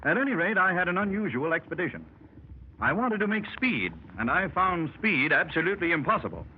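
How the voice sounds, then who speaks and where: Doctor Roberts, a genteel, learned, middle-aged explorer, recounts his expedition to gentlemen at his club in polished, formal phrases, a formal, clubby storyteller in 1930s radio drama acting. His slightly high voice swoops expressively in a sing-song, fairly quick but measured delivery. The dull, muffled 1930s radio transcription carries faint hiss.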